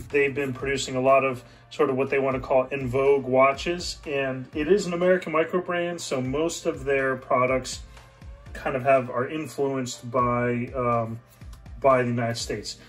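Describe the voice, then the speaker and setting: A man's voice: medium pitch, low-quality recording. A man hosting a casual watch unboxing and review, thinking aloud with frequent fillers.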